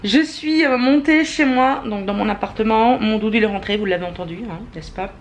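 A woman's voice: medium pitch, brisk, slight background noise. A young woman, chatting casually to camera at home in a vlog, with lots of fillers and self-mocking laughs. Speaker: vlogger. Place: at home, indoors. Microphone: camera mic, handheld and held by partner.

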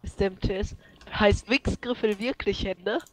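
A man's voice: high voice, fairly even intonation, normal speed, poor audio. A man playing along with friends, tossing in crude, mocking remarks. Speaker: co-player. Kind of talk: casual gaming chat.

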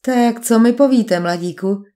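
A woman's voice: a little high, dark tone, close to an everyday voice. A woman voicing a suave male villain posing as a duke, speaking with polite, mocking menace in an audiobook. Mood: gloating. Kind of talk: audiobook character voice.

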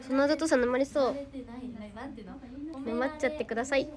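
A bubbly teenage idol from Hyogo, Japan, talks with a Kansai accent on her livestream, reading comments, naming and thanking fans, and using her own name for herself. Her high-pitched voice is a little mellow, fairly quick, with fairly even intonation.

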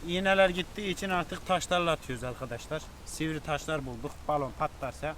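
Guy with a high voice doing casual vlog commentary outside, noisy background. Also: fast. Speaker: vlogger. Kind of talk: casual banter and commentary to camera. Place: outdoors near running water. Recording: noisy outdoor camera recording.

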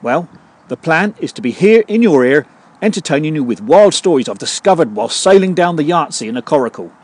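Guy doing deadpan scripted comedy, mid pitch, dry punny delivery. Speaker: podcast host.

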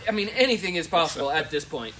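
Male host, relaxed sidekick energy, bright, raised pitch. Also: fast talker, a little hiss or hum. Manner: echoes his partner's words, easygoing. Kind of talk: casual live-stream chat.

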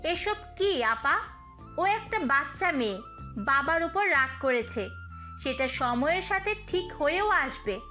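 A woman voicing an indignant, respectable middle-aged mother-in-law, speaking slow and reproachful. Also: high-pitched, animated, sharp tone, faint music behind, pitched above the performer's own voice, heavily acted.

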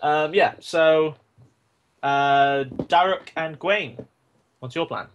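A man's voice: a little high, takes it slowly, muffled recording, slight background noise. A young man narrating a tabletop game as game master, in a loose, rambling way with lots of fillers.

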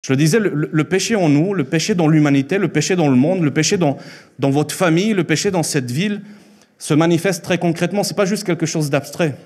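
Here a thirtysomething preacher, born in Mexico and a native Spanish speaker, gives an earnest sermon in a church hall through a handheld microphone. His voice is on the high side and a little mellow; he repeats phrases to stress them and slows at the key moments.

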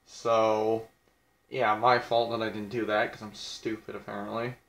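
A man's voice: lowish voice, little pitch movement, measured pace, gravelly, fairly bright tone, roomy sound. A young man casually commenting on a video game, blunt and crude, mocking himself as he reads out who is eliminated.

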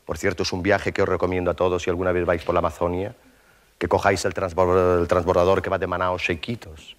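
A man performing a comic stage monologue, an animated storyteller who drops in mouth sound effects and chatty tag questions. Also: low-pitched, fast. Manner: conversational, with frequent tag questions. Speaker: stand-up comedian. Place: theater stage.

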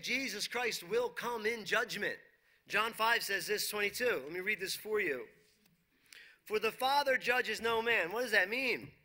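Standing before a dark brick wall on a church stage, a man in his forties delivers a sermon with emphasis, reading from scripture and questioning the congregation. He is a pastor whose voice sits high and sounds bright and forceful.

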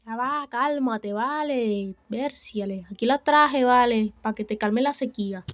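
Exasperated, sassy young Venezuelan woman, woman actor, a bit high, dry and lo-fi sound. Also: unhurried, dry recording, close to an everyday voice. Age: young adult. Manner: exasperated, complaining, sharp-tongued. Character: fed-up young woman, grumbling, short-tempered. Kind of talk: comedic student film acting. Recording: dull, dry, lo-fi.

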